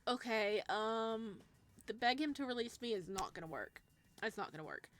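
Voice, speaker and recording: Her voice is fairly high, bright, and animated as she reads game text aloud at a normal speed, with slight noise in the background. She's a let's player working through a visual novel, commenting casually in a giggly, playful, reactive way.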